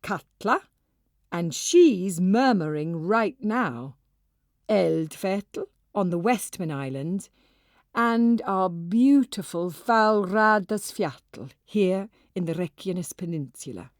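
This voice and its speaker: A woman with a lowish voice and lively intonation speaks slowly in a dramatised first-person audiobook monologue, playing a wry, exuberant Icelandic cafe owner and volcano guide. She sounds awed and exclaiming, with theatrical, confiding asides. The studio recording is dry and clean.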